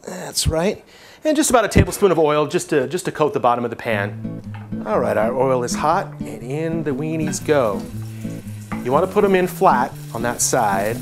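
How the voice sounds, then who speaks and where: A young man hosting a homemade cooking show, talking casually and joking as he walks through a recipe. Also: on the high side. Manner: laid-back, jokey, talks while cooking.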